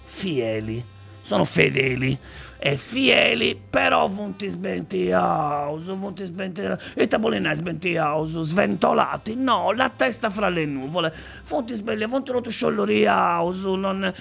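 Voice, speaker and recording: A man's voice: high-pitched, expressive, unhurried, vocal fry, fairly bright tone, soft background music. A man with a Sardinian accent giving a rambling comic monologue in dialect, often repeating himself and restarting phrases. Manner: rambling, repetitive, stumbling over and restarting phrases.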